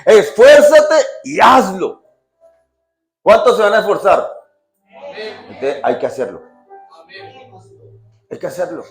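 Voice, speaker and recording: Pastor preaching in an echoey church. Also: male voice, on the high side, sing-song, measured pace, pauses often. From Colombia. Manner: call-and-response questions to the congregation; swings from loud emphatic lines to quiet drops. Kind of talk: sermon. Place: church hall. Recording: echoey church with music behind.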